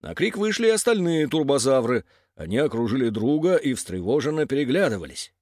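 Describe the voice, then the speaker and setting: A man narrating a children's story in an animated storytelling manner. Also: medium pitch, brisk, no room sound, clean studio sound.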